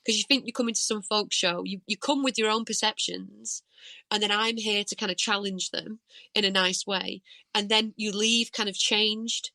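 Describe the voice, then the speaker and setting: A woman's voice: mid-range voice, steady tone, moderate pace, gravelly, pushed and bright, dry recording. A woman folk singer talking candidly as a guest in a casual interview. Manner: candid, chatty storyteller.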